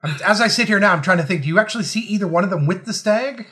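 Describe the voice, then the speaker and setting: Lively, bright-voiced joking man. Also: high voice, very fast. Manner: joking, trails off with fillers. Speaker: podcast co-host. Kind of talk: casual movie commentary.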